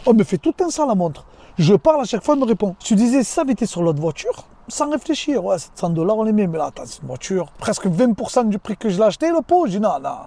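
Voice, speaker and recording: A man in his thirties telling a casual vlog story from inside his car, lively and slangy, talking straight to the viewer. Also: high-pitched, fast, creaky. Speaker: vlogger.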